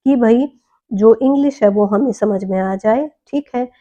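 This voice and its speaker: A woman tutor working through an exam paper, reading each English question slowly, then asking and answering her own questions step by step. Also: fairly high pitch, mellow, lo-fi sound. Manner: reads English questions slowly, explains in Hindi. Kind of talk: exam paper walkthrough lesson.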